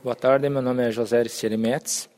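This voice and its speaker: A man's voice: mid-range voice, fairly even intonation, moderate pace, a little mellow. Farmer guy, plain talk, fired up about the union. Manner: rallying, plain-spoken. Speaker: rural union member, former fiscal council member. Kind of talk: casual interview answers.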